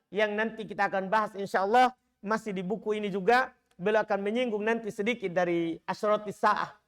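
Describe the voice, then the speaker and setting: A man giving an Indonesian mosque study lecture as an Islamic teacher, lively, teasing the audience and asking rhetorical questions. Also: high-pitched, smooth.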